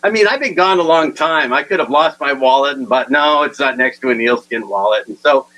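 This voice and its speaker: A man giving a humorous keynote talk, telling funny anecdotes in an animated way and chuckling at his own stories. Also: mid-range voice, brisk, low-quality recording. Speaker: humor speaker. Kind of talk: comic keynote storytelling.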